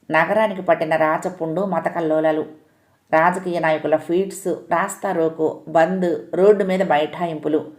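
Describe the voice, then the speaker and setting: A woman storyteller reads a long tale aloud in a calm, measured way. Her voice sits a little lower than most women's. She gives each character's words a light touch but stays close to her own voice. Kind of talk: audiobook-style story narration.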